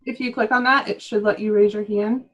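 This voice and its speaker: A woman presents a training session over a video call. She explains each step patiently and casually, checking whether everyone is following. Her voice sits at an ordinary middle pitch. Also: fairly even intonation, fairly quick, a bit bright, lo-fi sound. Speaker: workshop presenter.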